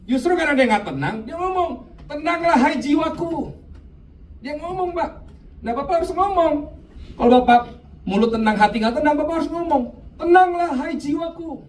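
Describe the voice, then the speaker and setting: A man with an extremely high, darkish voice preaches at a men's fellowship in a church meeting room, sharing a personal testimony at a quick pace with lively intonation. He speaks animatedly and keeps turning to address his listeners directly. The recording is echoey, taken far from the mic, with light noise.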